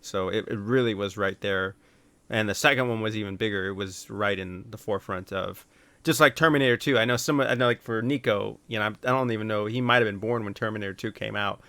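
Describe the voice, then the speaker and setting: A man in his thirties chatting on a podcast, animated and storytelling with frequent restarts. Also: lowish voice, fast, no echo. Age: 30s. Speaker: podcast panelist. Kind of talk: casual chat.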